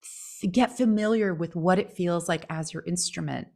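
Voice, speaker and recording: A middle-aged woman voice coach chatting with a co-host, animated and quick to laugh as she explains a warm-up. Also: fairly low pitch, vocal fry. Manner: animated, laughs often, quotes others in lively voices. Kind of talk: casual conversation, coaching.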